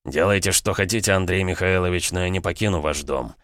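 A man voicing a selfish, stubborn middle-aged nobleman in an audiobook, in a flat, cold, unhurried delivery. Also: low-pitched, no echo, clean studio sound. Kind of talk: audiobook character voice.

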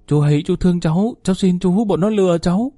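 A frightened young man begging for mercy, as a male narrator puts him on. The voice climbs higher and whimpers, pleading in a read-aloud story. Recorded close and dry. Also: fast talker, dark tone, dry recording.

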